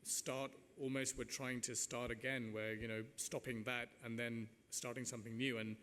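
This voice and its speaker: A man's voice: mid-range voice, level tone, normal speed, fairly bright tone. A man moderating a panel discussion in a conversational, discursive way. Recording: reverberant hall with background noise.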